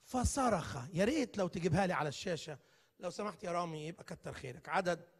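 This man preaches a live church sermon with a high, expressive voice and a fast delivery, full of emphasis and rhetorical questions. His loudness swings dramatically. Captured on a live broadcast microphone, the sound carries the long reverb of a church hall.

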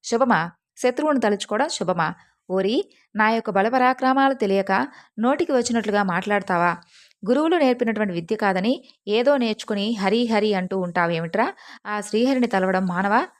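A woman's voice: medium pitch, moderate pace, close to an everyday voice. An arrogant demon king roars threats and scorn at his own son, as a woman storyteller puts him on in her own plain mid-range voice. he comes across as furious and mocking, a proud tyrant in a spoken devotional story. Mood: enraged.

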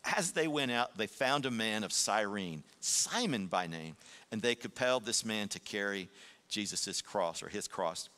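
A male pastor preaching a sermon in a church sanctuary with a bright, forceful voice. He swings from hushed, drawn-out phrases to emphatic bursts, and a long hall reverb trails behind his words. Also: on the low side, expressive.

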